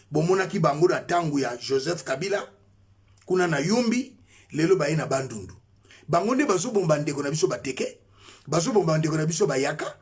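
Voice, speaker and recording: Man, high husky voice, fiery political rant, rallies the crowd. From Congo, Kinshasa. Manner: agitated, exhorting, bursts into shouting. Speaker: political commentator.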